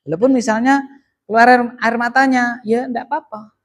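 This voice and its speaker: A man's voice: extremely high pitch, moderate pace. Male teacher quizzing his class. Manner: lively, rising and falling emphasis, asks the class questions. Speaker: teacher of Arabic grammar. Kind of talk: classroom lesson with call and response.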